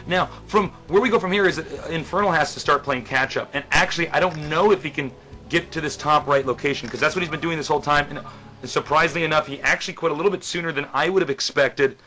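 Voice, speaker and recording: A man doing live game commentary, excitable and stumbling over repeated words, his voice going hoarse. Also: a little high. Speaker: esports caster. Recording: music clearly behind. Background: background music.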